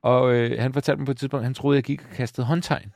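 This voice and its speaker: A man in his thirties chats in a loose, rambling way, restarting his sentences as he goes. His voice sits at an ordinary middle pitch. The sound is dry and close, with no room echo. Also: fairly even intonation, creaky, darkish tone. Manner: rambling, self-correcting, fond of his son. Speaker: podcast co-host. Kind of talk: casual chat.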